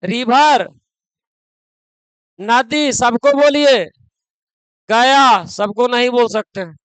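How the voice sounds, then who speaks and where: A male grammar teacher lectures his class in a very high, smooth, clear voice. He breaks off to scold his students in local dialect. The sound is dry and close. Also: extremely slow, fairly bright tone, no room sound, poor audio.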